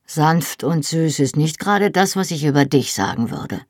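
A reader putting on a scheming Highland chieftain from an audiobook, speaking low and insinuating. The voice is gravelly and a little husky, recorded dry and close. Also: male voice, animated, moderate pace, no echo. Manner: quiet, insinuating. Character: sardonic scheming Highland chieftain, man, middle-aged. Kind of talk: audiobook character voice.

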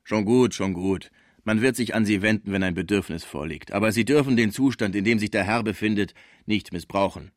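A man voicing a sturdy, bossy female housekeeper who talks in a brisk, commanding way. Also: on the low side, no room sound, clean studio sound, close to an everyday voice.

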